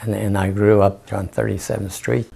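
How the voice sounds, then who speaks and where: Gravelly, husky elderly Pittsburgh man. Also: fairly low pitch, flat delivery, dark tone. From Pittsburgh area. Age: 80s. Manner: halting, repeats words. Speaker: veteran interviewee. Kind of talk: documentary interview.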